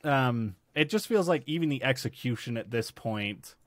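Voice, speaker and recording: Rambling through a casual podcast chat about a TV series, a male host fills his talk with fillers and restarts. He speaks at a normal pace in an expressive, medium-pitched voice, recorded at studio quality without echo.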